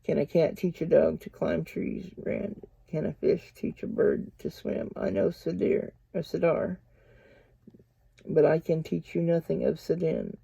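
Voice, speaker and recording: A man reading as a calm composed sorceress. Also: sits low, measured pace, gravelly, breathy edge, no echo, exaggerated voice. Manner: calm, gentle. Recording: dull lo-fi dry recording.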